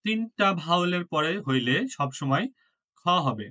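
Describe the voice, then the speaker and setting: A man teaches a language lesson, with Bengali as his first language. His voice sits a little high and sounds bright and clear. He repeats each word slowly and patiently, mixing English into his explanations. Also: big pitch swings. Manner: patient, repeats words slowly, drills pronunciation; mixes English words into his talk. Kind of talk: classroom lesson.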